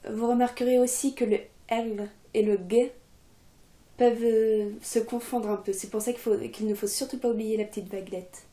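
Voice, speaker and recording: A young adult woman giving a casual video lesson, relaxed and chatty with many fillers. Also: fairly high pitch, normal speed, roomy sound. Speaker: Russian teacher, channel coordinator.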